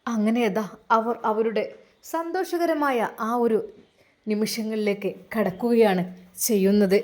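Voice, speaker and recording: A woman narrating a story with drama and emphasis. She speaks in a fairly high voice and lingers on pauses for suspense. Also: a little mellow.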